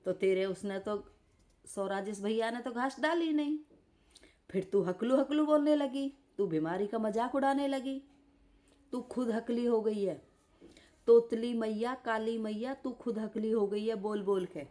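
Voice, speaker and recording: Woman, angry roast rant, abusive scolding, mellow low-toned voice, lying in bed. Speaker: live streamer.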